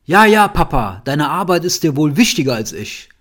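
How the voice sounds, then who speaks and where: A man's voice: fairly high pitch, fairly even intonation, slow. A man imitating a whiny, impatient little boy. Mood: whining. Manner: whiny and reproachful. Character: impatient, whining young boy.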